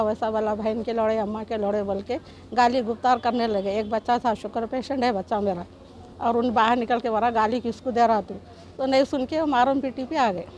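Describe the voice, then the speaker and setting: A woman's voice: a little high, darkish tone, slight background noise. A middle-aged woman, giving an emotional news interview as a shopkeeper, urgent and pleading and repeating herself. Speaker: shopkeeper telling of an assault.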